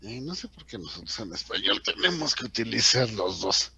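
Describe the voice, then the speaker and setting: A man's voice: fairly low pitch, sing-song, normal speed, vocal fry, bright, forceful tone, slightly rough, no echo. A man teaching an English grammar class in a chatty way, asking his students questions as he goes. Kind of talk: classroom lesson explaining grammar.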